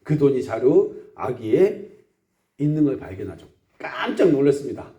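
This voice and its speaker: A man's voice: mid-range voice, normal speed, muffled recording. A man preaching a live early-morning sermon in a small rural church, often putting questions to the congregation. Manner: animated, asks the congregation questions. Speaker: pastor.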